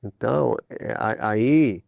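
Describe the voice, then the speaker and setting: Faith and family are the subject as a Brazilian Portuguese-accented man speaks slowly at a medium pitch, his voice rough and creaky. The delivery feels like conversation, turning lively whenever he shares an example, and the close studio sound carries no echo at all.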